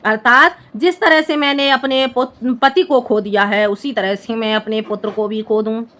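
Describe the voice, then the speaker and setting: In a high, bright voice with fairly even intonation, a young woman teaches Hindi at normal speed. She works through a poem line by line like a patient classroom teacher, often asking whether her students are keeping up.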